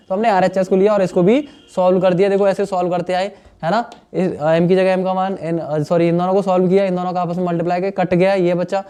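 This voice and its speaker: Chatty young man teaching maths, bright-pitched. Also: clean tone. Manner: chatty, addresses students as "dear friends", asks "understood or not?". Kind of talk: classroom lesson explaining solutions.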